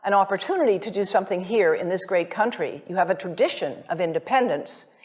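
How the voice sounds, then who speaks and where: An American woman with a fairly low voice gives an academic presentation as a visiting scientist. She speaks deliberately and emphatically, addressing her listeners directly.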